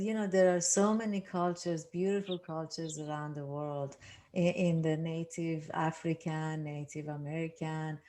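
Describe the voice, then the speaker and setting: Older woman from Iran, slightly low voice, earnest, workshop facilitator. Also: mellow. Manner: earnest, with frequent restarts and rhetorical asides. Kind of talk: reflective teaching talk.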